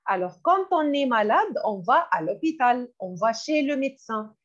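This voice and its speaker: A woman teaching French vocabulary in a classroom lesson, repeating each word slowly and glossing it in English. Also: a little high, big pitch swings. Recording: dull lo-fi recording.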